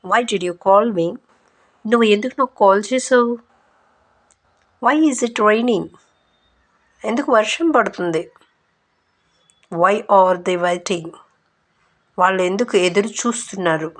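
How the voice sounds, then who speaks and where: A woman reading language drill sentences, saying each English line very slowly and clearly, then its translation at normal speed. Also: medium pitch. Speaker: language teacher.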